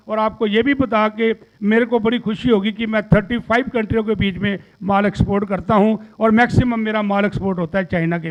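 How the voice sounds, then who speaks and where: A high-pitched man in his sixties, a social activist and businessman, gives an earnest, rambling statement to the media, repeating phrases as he makes an impassioned appeal. The recording is muffled.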